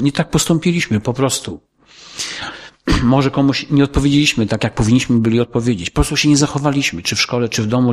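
Husky, earnest male preacher. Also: medium pitch. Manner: earnest, repetitive, pleading. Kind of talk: sermon.

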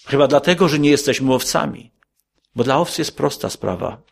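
A man preaching a sermon to a congregation, asking them questions and rising to emphatic high peaks. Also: a little fast, creaky.

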